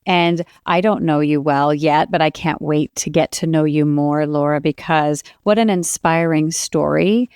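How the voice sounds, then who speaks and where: A woman's voice: low voice, fairly even intonation, a little slow, hardly any pauses, a little mellow, clean tone, dry recording, clean studio sound. A woman co-hosting a podcast, speaking in an affirming, encouraging way. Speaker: podcast co-host. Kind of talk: podcast interview.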